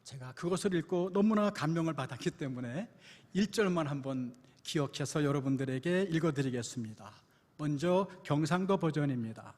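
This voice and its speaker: A man's voice: fairly high pitch, animated, moderate pace, darkish tone. A male pastor preaching a sermon in a church, often putting rhetorical questions to the congregation. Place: church sanctuary. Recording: long church hall reverb.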